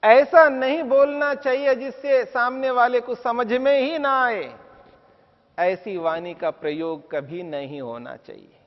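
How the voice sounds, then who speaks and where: A man giving a spiritual discourse, speaking slowly and emphatically and repeating Sanskrit verses. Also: extremely high pitch. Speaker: religious teacher. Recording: dull lo-fi audio with long reverb.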